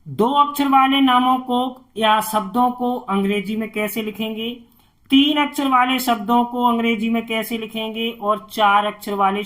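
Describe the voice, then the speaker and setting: A woman teacher leads an online spelling lesson at a slow, unhurried pace. She stretches each letter and syllable as she spells it out. She often asks a question and answers it herself. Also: on the high side, fairly bright tone.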